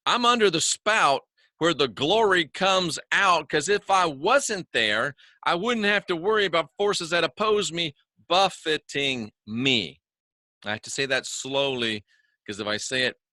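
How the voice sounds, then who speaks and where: A man's voice: fairly high pitch, sharp tone, no echo, clean studio sound. A man hosting his own religious talk show, speaking casually and folksily to viewers, joking, chuckling at himself and repeating words for emphasis. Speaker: online religious talk host. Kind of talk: casual spoken monologue to viewers. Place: home studio he calls the bunker.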